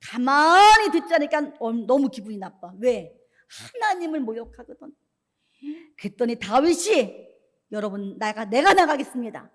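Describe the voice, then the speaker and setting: A woman pastor giving a lively sermon, often putting questions to the congregation. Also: on the high side, measured pace.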